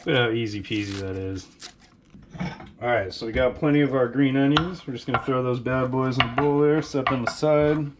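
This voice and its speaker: Fairly quick and mid-range, this man's voice comes through a noisy background. Hosting a casual cooking vlog, he cooks in his home kitchen while delivering sarcastic, profanity-laden talk.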